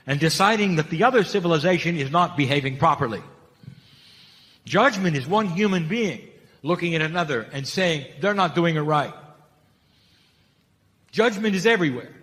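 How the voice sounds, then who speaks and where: Male spiritual channeler, slightly high voice, emphatic and repetitive, recorded with long hall reverb. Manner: emphatic, rhetorical questions, repeats key phrases. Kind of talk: channeled spiritual talk to an audience.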